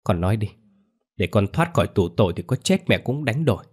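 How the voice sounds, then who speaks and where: A man's voice: on the low side, sing-song, fairly quick, a little mellow, breathy edge. A man voicing a middle-aged mother who weeps and pleads, blindly protective of her son. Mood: weeping. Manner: pleading, weeping. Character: middle-aged mother, doting, tearful, callous.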